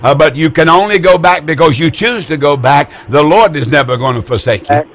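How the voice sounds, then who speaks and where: Taking calls on his religious broadcast, an eighty-year-old preacher talks a little fast in a fairly high, somewhat bright voice. His style is folksy and repetitive, broken up by frequent stammered restarts.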